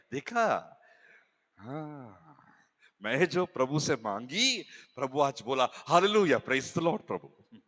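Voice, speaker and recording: Animated male pastor in an echoey hall. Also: a little high. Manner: animated storytelling with jokes and interjections. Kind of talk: humorous sermon. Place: church hall.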